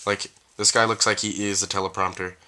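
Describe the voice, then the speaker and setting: A man's voice: lowish voice, level tone, fairly quick, bright, forceful tone. A sick, stuffy-voiced man hosting a casual vlog, reading letters aloud with playful asides. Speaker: vlogger host.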